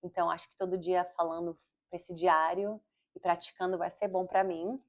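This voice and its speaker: A Brazilian-born woman in her forties with an American-accented Portuguese, talking fast and rambling with self-corrections in a casual video diary. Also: lowish voice, level tone. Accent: Portuguese with an American English accent. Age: 40s. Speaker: vlogger and comedian. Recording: slightly dull lo-fi audio.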